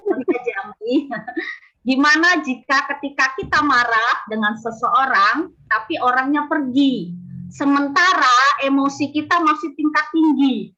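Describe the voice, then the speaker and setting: A woman's voice: sits high, bright, forceful tone, highs cut off. A woman moderating a webinar, chatty and lightly teasing as she relays questions. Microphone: video call.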